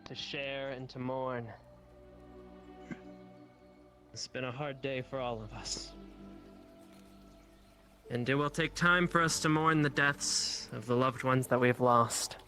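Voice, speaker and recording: Man role-playing earnest guard leader, bright forceful voice, higher-pitched, formal memorial speech, online role-play, faint music. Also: fairly even intonation, unhurried. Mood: solemn resolve. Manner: formal, resolute public address. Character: earnest guard leader addressing a town in mourning. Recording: music behind the voice.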